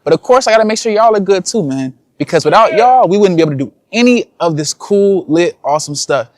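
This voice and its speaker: A man's voice: high-pitched, expressive, fast talker, no echo, studio quality. A young man, a content creator, talking casually and slangily to his viewers in a vlog. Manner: casual slangy talk, addresses viewers as y'all.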